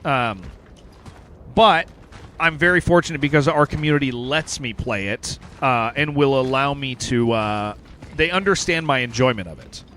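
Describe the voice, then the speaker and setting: A man's voice: medium pitch, normal speed, pushed and bright, slight background noise. A man streaming a video game live, chatting casually and rambling with lots of fillers. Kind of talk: casual live-stream commentary while gaming.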